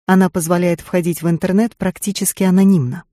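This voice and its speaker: A reader voicing a tough, battered female agent who speaks tersely and gruffly. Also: lowish voice, steady tone, fast talker, warm tone, no room sound, studio quality, close to an everyday voice.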